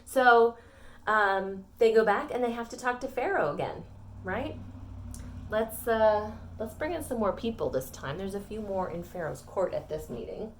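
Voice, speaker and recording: A woman's voice: mid-range voice, normal speed, slight background noise. Playful woman teaching kids' Sunday school. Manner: animated, playful, talks directly to children. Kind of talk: children's Bible lesson with props.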